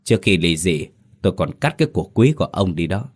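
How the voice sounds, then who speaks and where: A sharp-tongued wife scolds her cheating husband in quick, rushed bursts, as a man reading the tale gives her voice. The tone stays low and heavy, clipped and biting. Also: big pitch swings. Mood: scolding. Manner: nagging, snapping, rushed. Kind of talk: storytelling.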